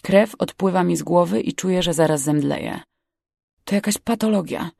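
Gravelly low-voiced woman narrating. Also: moderate pace, mellow, no echo, clean studio sound. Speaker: audiobook narrator. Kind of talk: first-person audiobook narration.

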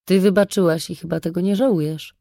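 A gentle, forgiving woman speaking quietly in an audiobook, as a reader plays her. Her tone is mellow with some gravel in it. The sound is dry. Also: fairly low pitch, fairly even intonation, a little fast, no room sound. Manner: quiet, soft. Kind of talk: audiobook reading.

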